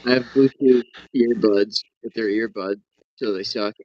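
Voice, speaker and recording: A man's voice: lowish voice, steady tone, measured pace, no echo. Man, co-host, casual banter, tinny phone mic, muffled, dry. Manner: laid-back, joking banter with some swearing. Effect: tinny sound from talking straight into a phone. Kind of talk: casual chat. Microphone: phone held up, no headphones.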